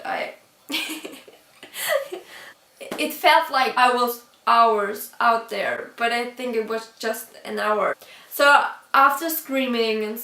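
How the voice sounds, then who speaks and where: A woman telling a childhood story to camera in a chatty, laughing way, pausing to check her own pronunciation. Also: fairly high pitch, sharp tone. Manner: chatty, laughs often between sentences. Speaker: vlogger. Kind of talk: storytime vlog. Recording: roomy echo from a distance.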